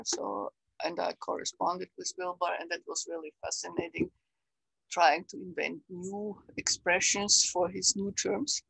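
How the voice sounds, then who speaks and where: An older woman with an Austrian German accent, speaking English on a video call, reflective and halting, with many fillers. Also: on the low side, creaky, a bit bright, breathy edge, no echo, rough recording. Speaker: interview guest, salon organizer. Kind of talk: casual conversation on a video call. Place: bright room at home. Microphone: webcam on a video call.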